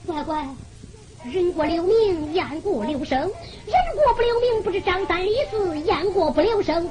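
Woman doing a weepy blind old mom from henan, sobbing sing-song, really high voice. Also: heavy background noise. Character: poor blind elderly mother, fretful and tearful.

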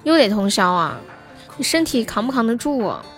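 High-voiced young woman livestream host. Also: very animated, moderate pace, faint music behind. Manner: chatty, laughs often, reads out viewer names. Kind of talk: casual livestream chat.

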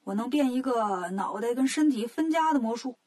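Casting: a woman playing a smug old fox sorcerer, slow and breathy. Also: fairly high pitch, lively intonation, darkish tone.

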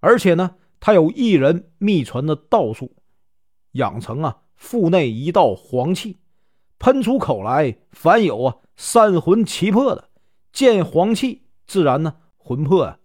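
A man from Northeast China with a Northeastern Mandarin accent retells an old legend in a relaxed, chatty storytelling voice. His pitch sits somewhat high and rises and falls widely, and he draws out filler particles between phrases. The recording is dry and close. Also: measured pace, dry recording. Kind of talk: casual storytelling of a classic novel.

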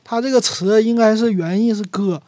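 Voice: mid-range voice, steady tone, moderate pace, a little mellow, no room sound. Chatty Northeastern-accented speaker explaining dialect words. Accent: Northeastern Mandarin. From Northeast China. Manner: chatty, acts out everyday sample phrases. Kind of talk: casual explanatory talk.

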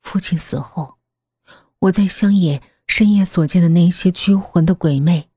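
Slow, breathy woman narrating horror. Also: fairly low pitch, no room sound, studio quality. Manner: hushed, breathy, half-whispered. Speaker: voice actor narrating.

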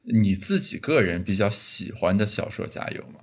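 A man's voice: lowish voice, expressive, normal speed, faint music behind. A man hosting a podcast, asking curious, probing follow-up questions in a casual interview. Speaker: podcast host.

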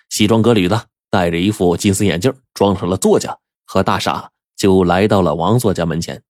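A man telling a story in lively, colloquial narration, doing voices for each character. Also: fairly low pitch, dry recording, studio quality.

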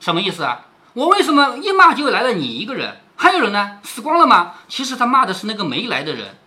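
Lively storytelling man. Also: high voice, fast talker. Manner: asks rhetorical questions, explains patiently. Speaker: father reading a classic novel to his daughter. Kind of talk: storytelling with explanations.

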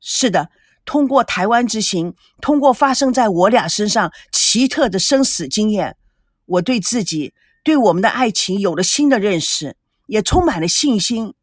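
A woman's voice: mid-range voice, lively intonation, moderate pace, no room sound, studio quality, lightly acted. A woman reading a novel aloud, voicing an earnest young man who is desperate in love and stammers as he pleads. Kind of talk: audiobook character voice.

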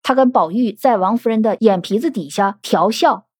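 A woman's voice: mid-range voice, moderate pace, a little mellow, breathy edge, no echo, studio quality. A woman giving podcast commentary on a classic novel, analytical and full of rhetorical questions. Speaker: literature commentator.

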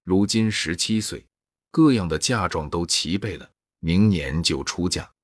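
Young maid, gentle but sharp-tongued, read by a man, low and husky. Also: unhurried, dry recording, studio quality. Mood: reproachful.

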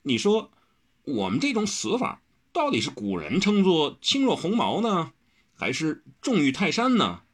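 Guy doing a whiny young swordsman, high and huffy, kinda husky. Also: wildly swooping pitch, exaggerated voice. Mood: indignant. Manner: fussy, whiny, quick to protest. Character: petulant, sharp-tongued young male swordsman.

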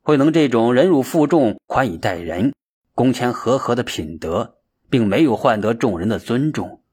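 A male storyteller with a husky, mid-pitched voice narrates at a calm, measured pace. His telling is steady and even, as in a read-aloud story.

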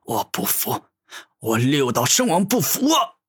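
A man voicing a proud, furious male villain cultivator who shouts in defiance, with a husky voice. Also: lowish voice, lively intonation, unhurried, dry recording, studio quality, heavily acted.

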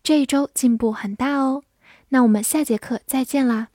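A woman teaching English vocabulary in a deliberate drill, saying each word twice and then giving its part of speech and meaning. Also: sits high, fairly even intonation, darkish tone, no echo.

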